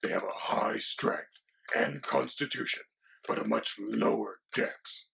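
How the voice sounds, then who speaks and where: A man voicing a mock-menacing male dragon sidekick who explains monster lore in a hushed, lecturing way. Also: fairly low pitch, huge pitch swings, unhurried, gravelly, husky, full character voice. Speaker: co-host.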